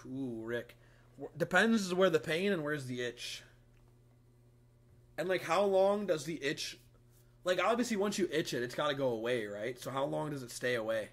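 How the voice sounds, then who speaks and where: A man's voice: fairly high pitch, normal speed. A young man chatting casually as a game streamer in a crude, slangy frat-bro manner with lots of swearing. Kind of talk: casual livestream gameplay chat.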